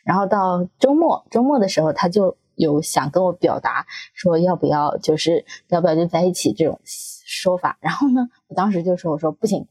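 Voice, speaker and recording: A woman's voice: lowish voice, normal speed, hardly any pauses, slightly rough. A young woman in her twenties on a podcast, telling a story with lots of laughter and acted-out quotes. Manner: animated storyteller, laughs often, acts out quotes. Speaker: podcast co-host. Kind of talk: casual chat, storytelling.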